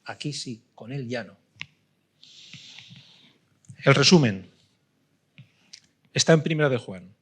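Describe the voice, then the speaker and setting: A middle-aged man preaching a sermon, telling a story with loud bursts and soft asides. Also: medium pitch, expressive, slow, long pauses, husky.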